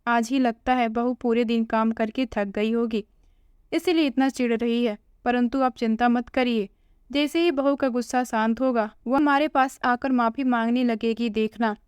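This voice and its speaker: A woman voicing a patient, hurt older mother-in-law who speaks in a gentle, pleading way. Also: fairly high pitch, fairly even intonation, normal speed, clear, resonant tone, no room sound, clean studio sound, lightly acted.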